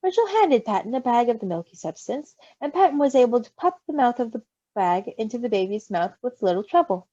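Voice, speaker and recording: A woman reads fan fiction aloud expressively, breaking in with gushing, casual asides and giggly reactions. Her voice is a little high and brisk, captured in a dull, lo-fi close recording with no room sound.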